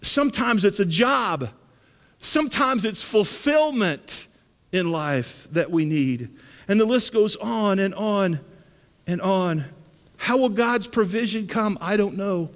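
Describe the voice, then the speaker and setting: A man preaching a sermon as pastor, acting out the words of the scripture figures in lively bursts. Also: sits high, slow, in a large hall.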